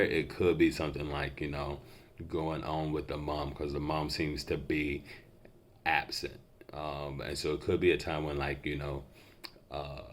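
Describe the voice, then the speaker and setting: Really deep voiced guy doing a psychic reading off the cuff, mentalist style, tentatively picking out impressions bit by bit. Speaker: psychic reader giving channeled messages. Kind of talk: unscripted intuitive reading to the listener.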